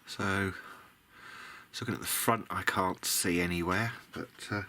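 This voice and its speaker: His voice is low, steady, bright and forceful, delivered at a measured pace. The man works at a bench while musing aloud, casual and unscripted, tentative like a hobbyist making a video diary. Background noise can clearly be heard.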